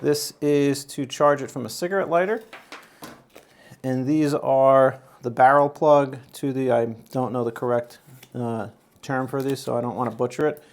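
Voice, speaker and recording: A man's voice: mid-range voice, steady tone, normal speed. A man hosting his own channel, talking casually through an unboxing and review with lots of fillers, restarts and asides. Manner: rambling, chatty, many fillers and restarts. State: out of breath. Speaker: YouTube channel host.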